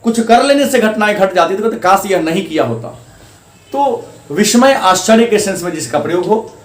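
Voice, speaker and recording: A man with a high voice teaches a grammar lesson, going back over each definition and stretching his examples out slowly. He sounds a little far from the mic, in a room with a noticeable echo. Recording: echoey room, voice from a distance.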